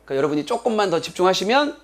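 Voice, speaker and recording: Animated high-voiced male lecturer. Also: very fast. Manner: animated, acts out quoted children in a higher voice. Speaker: English lecturer. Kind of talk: exam prep lecture. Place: classroom.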